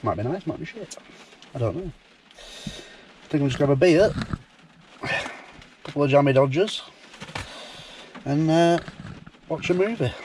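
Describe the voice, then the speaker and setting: A man's voice: medium pitch, a little mellow. A British man chats casually and informally to camera inside a parked van, in an easygoing manner. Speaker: vlogger. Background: rain on the van roof, background noise.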